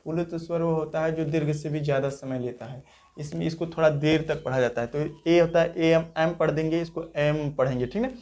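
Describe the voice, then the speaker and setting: Slightly high-voiced male teacher. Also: fairly even intonation, darkish tone. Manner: repeats example sentences slowly, asks and answers own questions. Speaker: English teacher. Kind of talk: explaining grammar to students.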